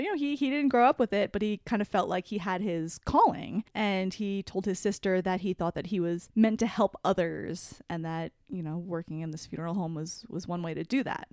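A woman hosting a podcast, talking casually and quickly from her notes. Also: mid-range voice, darkish tone, clean tone, dry recording, studio quality. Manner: fast talker. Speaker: podcast host. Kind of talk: casual chat and narration from notes.

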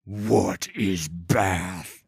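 Man voicing a rumbling gravelly troll king. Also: no echo, studio quality, heavily acted. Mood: gruff. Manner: broken, slow speech. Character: huge, gruff male troll king, brutish.

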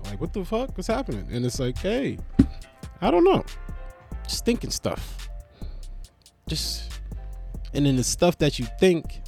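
A Brooklyn man hosts his own podcast in a medium-pitched, slightly mellow voice. He rambles in a casual, profane, joking way and keeps restarting his intro.

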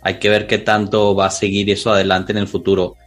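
Casting: male podcast host, Latin American accent, lowish voice, casual sports chat, faint music behind. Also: monotone, brisk, fairly bright tone.

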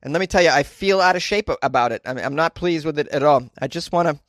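Joking higher-voiced man hosting a podcast. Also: fast talker, a bit bright, dry recording, clean studio sound. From Boston, United States. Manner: joking, self-deprecating, profane asides. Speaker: podcast host. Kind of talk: casual, rambling podcast outro. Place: small closet, indoors.

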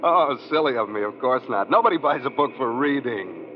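An actor playing a quick-thinking detective's sidekick with dry, sardonic, wordy wisecracks in a 1940s radio mystery. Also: male voice, medium pitch, expressive, natural voice. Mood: sardonic, amused. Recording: noisy, muffled old radio recording.

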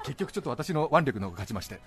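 A man hosting a radio talk show and telling an anecdote in a casual, animated way, acting out the other people's lines and laughing often. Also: medium pitch, rapid-fire. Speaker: radio host.

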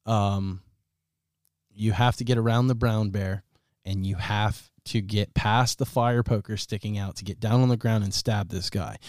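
A man's voice: mid-range voice, clean tone, dry recording, studio quality. A man running a tabletop game as game master, calling turns and rulings in an easygoing way. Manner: easygoing, laughing, calls turns and rules.

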